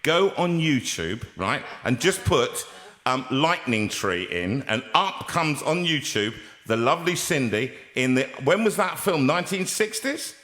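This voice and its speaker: Lively older British man, bright voice. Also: on the high side, unhurried. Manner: lively, jokey, rambling. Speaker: show host. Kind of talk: casual chatty interview.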